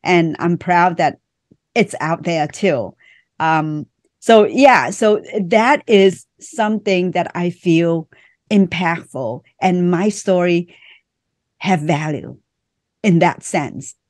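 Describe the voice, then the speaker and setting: A middle-aged woman from Vietnam with a Vietnamese accent talks about her life as a guest on a podcast. Her voice sits a little low and sounds dry and close to the mic. She speaks earnestly, in short, heartfelt phrases. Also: slow, a little mellow, no room sound. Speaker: author and guest. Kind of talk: podcast interview.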